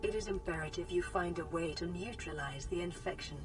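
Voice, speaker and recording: A woman voicing a calm suit computer assistant in a game, with a gentle synthetic care-robot sound, speaking in a measured, clinical way. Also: lowish voice. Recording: game audio with clear music behind.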